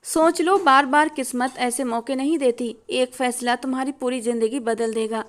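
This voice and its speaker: A woman voicing an aging, wealthy matriarch who speaks in a slow, measured, persuasive way. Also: high-pitched, fairly even intonation, close to an everyday voice.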